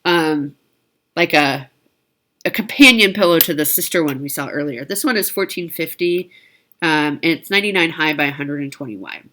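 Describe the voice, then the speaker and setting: Bright-voiced woman, chatty host. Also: low-pitched, normal speed. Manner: chatty, self-correcting, informal asides. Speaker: host of a needlework shopping video. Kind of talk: casual product showcase narration.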